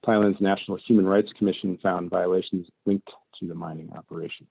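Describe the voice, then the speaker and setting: Deep, gravelly man, panel moderator, steady with plenty of ums, thin dry phone-like call audio. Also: no echo. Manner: measured, many ums and uhs. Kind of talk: online panel discussion.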